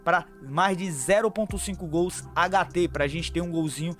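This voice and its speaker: Homem animado dando palpites de apostas. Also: male voice, on the high side, faint music behind. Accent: Brazilian Portuguese, São Paulo fan. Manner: brisk, chummy, calls viewers family and partner. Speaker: sports betting tipster. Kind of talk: fast betting tips over screen share. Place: small room at home.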